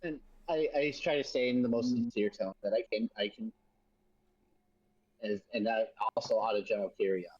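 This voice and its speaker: A man plays his character in a tabletop role-playing game, halting and repeating himself as he describes his actions. His voice is husky and a bit breathy. It comes through a dull, dry, muffled microphone. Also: lowish voice, a little mellow, dry recording. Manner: hesitant, repeats words while describing actions. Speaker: player.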